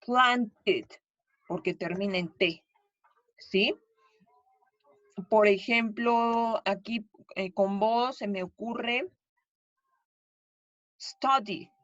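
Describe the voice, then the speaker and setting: A woman's voice: mid-range voice, very slow, pauses often, dry recording, lo-fi sound. A woman with a Mexican Spanish accent, explaining pronunciation to her class in a patient, chatty way and checking in often with her students. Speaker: English teacher.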